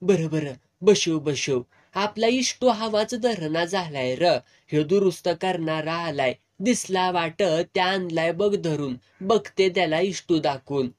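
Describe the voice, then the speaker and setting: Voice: medium pitch, measured pace, natural voice. A narrator voicing a scolding old village woman. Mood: grumbling. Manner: scolding, rough rural speech.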